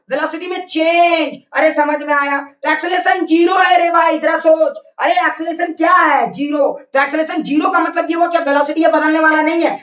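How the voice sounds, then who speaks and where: A man's voice: very high voice, fairly bright tone, lo-fi sound. Scolding male physics teacher in a distant, roomy recording. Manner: scolding, repetitive drilling with constant check questions. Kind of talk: online class lecture. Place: online class over internet.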